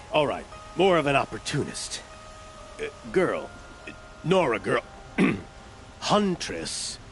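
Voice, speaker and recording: A smarmy, gravelly merchant. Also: male voice, mid-range voice, big pitch swings, very slow, pauses often, faint music behind, exaggerated voice. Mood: scheming. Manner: smarmy, wheedling, stammering. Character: greedy shifty male merchant opportunist. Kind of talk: video game dialogue.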